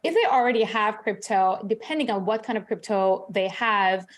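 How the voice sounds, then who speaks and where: A woman's voice: mid-range voice, moderate pace. A middle-aged woman born in Iran, a crypto author and CEO, answering in a live news interview in a chatty way, with lots of fillers.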